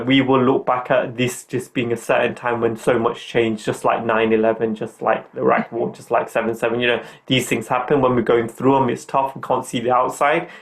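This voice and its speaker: A man's voice: mid-range voice, gravelly. A middle-aged man hosting a podcast, talking in an earnest, upbeat, motivational way. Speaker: podcast host.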